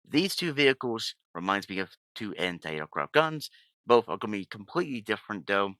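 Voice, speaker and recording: A man's voice: fairly low pitch, sharp tone, dry recording. A man hosting casual gaming commentary with a sick voice, rambling along and often correcting himself. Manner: rambling, with frequent self-corrections. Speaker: gaming channel host.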